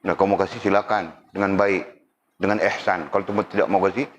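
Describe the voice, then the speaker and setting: Low-voiced man teaching a religious class. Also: steady tone, fairly quick, slight background noise. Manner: keeps checking the class understands, teasing jokes.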